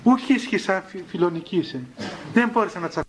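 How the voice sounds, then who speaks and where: High-voiced man telling a monastery anecdote. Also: lively intonation, poor audio. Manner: storytelling with quoted dialogue and light laughter. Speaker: monk and spiritual father. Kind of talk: spiritual talk told as anecdotes. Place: room with a live audience. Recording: old cassette recording with faint hiss.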